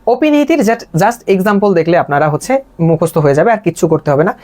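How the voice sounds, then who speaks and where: A young man teaching a live online grammar class, patiently repeating each example and asking quick check questions. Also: high-pitched, lively intonation, darkish tone. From Bangladesh.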